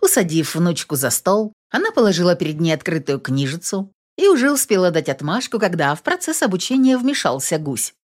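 A woman narrating a storybook in a low voice that rises and falls in a lively way. She reads with a wry, expressive touch. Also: fairly quick, hardly any pauses. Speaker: audiobook narrator.

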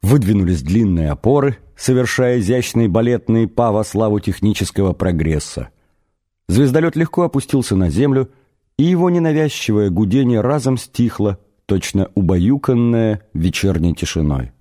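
A man narrating an audiobook in an expressive, ironic storytelling manner. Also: on the low side, normal speed.

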